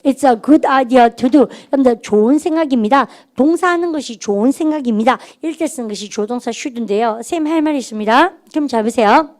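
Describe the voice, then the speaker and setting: A middle-aged woman teaching an English grammar class, animated and having students repeat phrases after her. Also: high-pitched, fairly quick, few pauses. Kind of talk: classroom lecture.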